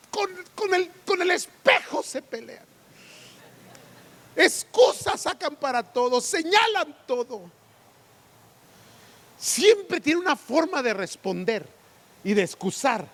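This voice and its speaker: A man's voice: very high voice, bright, forceful tone. A man, preaching a sermon as pastor, full of rhetorical questions. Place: church sanctuary. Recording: long church hall reverb.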